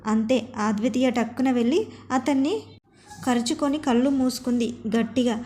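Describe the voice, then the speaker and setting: A woman storyteller reading a scripted family story in a steady, expressive way. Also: a little high, moderate pace.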